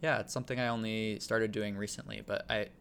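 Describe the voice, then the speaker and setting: A man hosting a casual podcast and explaining things in a relaxed way, with frequent ums. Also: fairly low pitch, brisk, vocal fry, clean tone. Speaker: podcast host. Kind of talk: casual chat.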